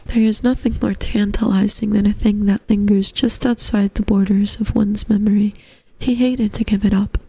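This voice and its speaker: A woman's voice: medium pitch, fairly even intonation, normal speed, vocal fry, dark tone, breathy edge, rough recording. A woman reading a short story aloud as a storyteller, in scripted narration. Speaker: storyteller, streamer.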